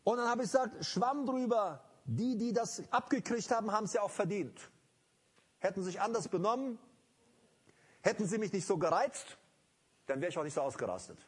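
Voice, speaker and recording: A man's voice: high-pitched, expressive, brisk, pauses often, slightly rough. A man preaching a sermon, earnest and emphatic, speaking directly to his congregation.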